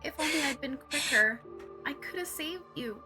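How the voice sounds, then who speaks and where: A woman voicing a gentle, caring, guilt-ridden teenage girl while reading a visual novel aloud. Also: a little high, moderate pace, music in the background, lightly acted. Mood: grieving.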